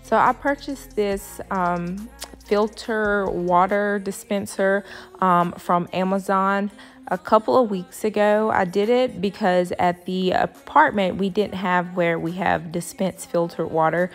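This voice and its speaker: A woman's voice: mid-range voice, fairly even intonation, a little slow, faint music behind. A young woman giving a casual voice-over for her home cleaning vlog, musing aloud with plenty of filler words. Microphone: voice-over, not recorded in the pictured kitchen.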